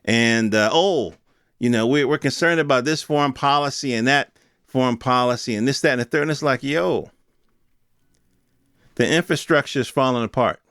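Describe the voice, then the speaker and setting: Speaking at a moderate pace in a medium pitch, this fairly bright, smooth voice is recorded at studio quality with no room sound. It belongs to an American man in his fifties hosting a podcast, riffing alone in an emphatic, slangy, opinionated and casual way.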